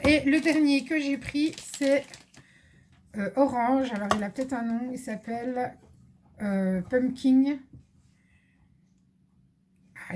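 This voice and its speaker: A chatty, high-voiced craft vlogger shows off her purchases in a casual haul video, talking to viewers and an assistant. She hesitates a lot and uses many fillers, with slight background noise.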